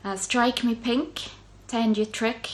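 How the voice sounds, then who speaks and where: Speaking slowly with a fairly even intonation, this woman has a voice on the high side. She's a middle-aged Swedish native from Finland with a Finland-Swedish accent, chatting through a casual solo knitting video podcast, breaking off her own thoughts, laughing softly, and saying um a lot.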